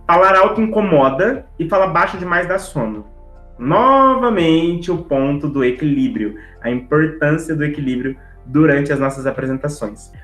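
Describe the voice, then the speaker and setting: A man teaching public speaking in an online class, talking fast and lively and checking in with the audience as he goes. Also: a little high, reverberant, faint music behind, poor audio. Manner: lively, talks straight to the audience with tags like "tá?" and "né?"; brisk, speeding up on purpose to fit the content in. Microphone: video call setup.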